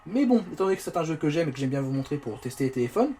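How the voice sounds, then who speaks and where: This tech reviewer has a high-ish, sing-song voice with a warm, breathy edge, and he talks very fast. He chats casually while playing games on a phone he's reviewing, dropping self-mocking asides. Faint background noise is audible.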